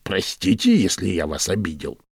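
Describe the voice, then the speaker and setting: A cheerful, courteous alien in an audiobook, polite and dignified, his voice swinging widely between high and low, as a male reader puts him on. Dry, close recording. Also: huge pitch swings, normal speed, creaky, a little mellow, slightly rough, no room sound, exaggerated voice.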